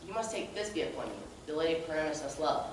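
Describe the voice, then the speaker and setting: A woman's voice: deep voice, quick pace, a little hiss or hum, natural voice. A woman playing a fussy workman running rehearsal. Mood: bossy. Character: fussy workman organizing a play. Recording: echoey hall, far mic.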